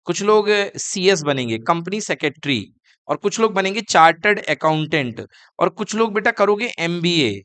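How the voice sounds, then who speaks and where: A man's voice: high voice, lively intonation, moderate pace, a bit bright, no room sound. Male teacher, lecture delivery, question-and-answer style, clean dry sound. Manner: asks students questions and answers them himself; calls students kids and beta. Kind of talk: classroom lecture.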